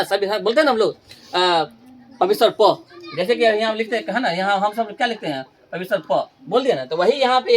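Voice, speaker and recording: This high-voiced man is giving a Hindi grammar lesson to a class of students. He stretches important terms slowly to stress them and repeats each question and its answer as a drill.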